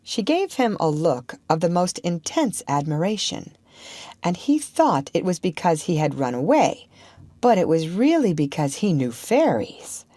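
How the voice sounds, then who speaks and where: A woman reads a storybook aloud with a very lively, expressive voice. Her pitch moves freely up and down, and the sound is dry and close to the mic. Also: unhurried, no room sound. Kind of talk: scripted narration.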